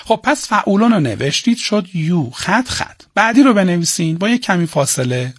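Male teacher, lively pitch, husky voice, dry close sound, chants and dictates to a class. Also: no echo. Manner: chants meter syllables slowly and dictates to students. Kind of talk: classroom lesson on Persian prosody.

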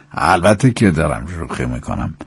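A man's voice: very deep voice, sing-song, creaky, fairly bright tone, breathy edge, no room sound, full character voice. A man voicing an insistent male detective. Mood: urgent. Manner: pleading, insistent. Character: male detective, urgent and persistent. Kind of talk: audiobook character voice.

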